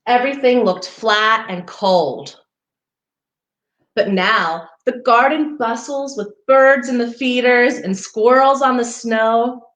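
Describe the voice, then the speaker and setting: Reading a children's picture book slowly, a woman with a somewhat high, fairly bright voice performs expressively and chats with her young listeners along the way. She's the storybook reader for a parks program, heard in an echoing, roomy space.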